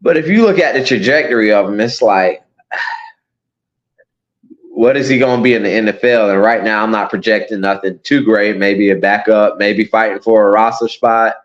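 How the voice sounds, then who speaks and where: A man co-hosting a casual sports talk show, speaking in a relaxed, hesitant way with frequent restarts. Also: lowish voice, normal speed. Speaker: podcast co-host. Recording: dull lo-fi audio.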